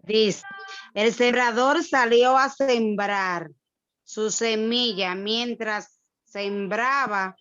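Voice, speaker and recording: A woman's voice: a little high, drawn-out words, fairly bright tone, no echo, dull audio. A woman in a Bible study reading scripture aloud, carefully and without hurry.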